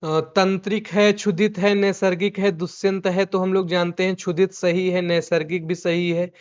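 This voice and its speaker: A man's voice: sits high, clean tone. A male Hindi teacher going through an exam answer key, asking himself questions and repeating the answers like a drill. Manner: repeats his own questions back as drill. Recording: dull lo-fi recording.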